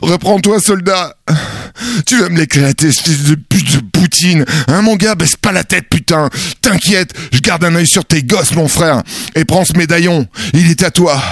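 Sweary, higher-voiced man in a comic monologue. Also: moderate pace, fairly bright tone, dry recording, studio quality. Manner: colloquial, sweary, exasperated. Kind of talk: comedic dramatic monologue.

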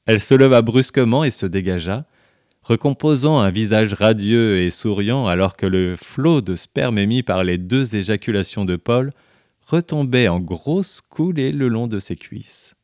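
A man reading a story aloud on the radio in a measured, even storytelling voice. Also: on the low side, dry recording, studio quality. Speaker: guest reader.

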